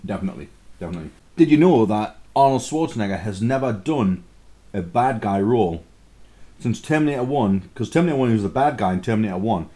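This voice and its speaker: A man's voice: fairly low pitch, expressive, fast, dark tone. A man chatting casually and crudely as he co-hosts a film review, blunt and full of swearing. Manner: talking while drinking beer and eating pizza.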